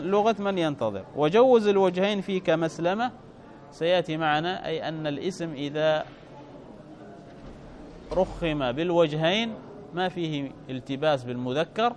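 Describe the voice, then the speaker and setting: A man teaching grammar in a fairly high voice. He talks steadily and explains each point, then checks with his listeners through rhetorical questions. The recording was made outdoors. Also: moderate pace, darkish tone. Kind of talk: classroom lesson explaining a text.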